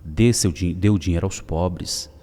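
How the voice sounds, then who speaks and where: A man voicing Jesus as a calm, compassionate male teacher, in a raised, earnest instructing tone. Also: sits low, unhurried, long reverb tail.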